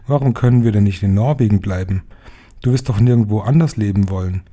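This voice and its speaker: A man's voice: on the low side, quick pace, dark tone, lightly acted. A man voicing an anxious, curious young boy who pleads with his grandmother. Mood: pleading.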